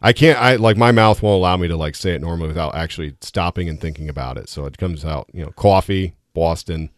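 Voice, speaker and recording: A man's voice: deep voice, fast, no room sound, studio quality. A young man from Rhode Island with a light Rhode Island accent, chatting casually and laughing easily as a guest on a radio show. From southern Rhode Island. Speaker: guest, baseball broadcaster. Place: radio studio.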